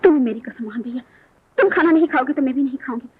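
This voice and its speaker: An actress playing a gentle but stubborn young sister-in-law, pleading and coaxing in theatrical 1950s film style, on a tinny old soundtrack. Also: female voice, sits high, quick pace, slightly rough. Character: gentle, stubborn young bhabhi who tames her drunk brother-in-law. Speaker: devoted sister-in-law in a family drama. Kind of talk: 1950s Hindi film acting.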